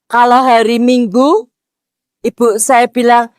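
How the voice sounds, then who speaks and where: A woman in her sixties with a Javanese accent preaching a mosque sermon, posing rhetorical questions and rising to emphatic near-shouts. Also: on the high side, level tone, slow, no echo, studio quality. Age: 60s. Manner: slips Javanese words into talk.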